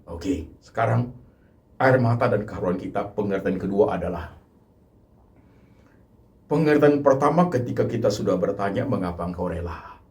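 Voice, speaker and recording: A man with an Indonesian accent preaching a Good Friday sermon, moving between hushed pleading and loud, impassioned appeals to the congregation. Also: fairly low pitch, moderate pace, long pauses. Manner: addresses congregation repeatedly as brothers and sisters. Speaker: pastor.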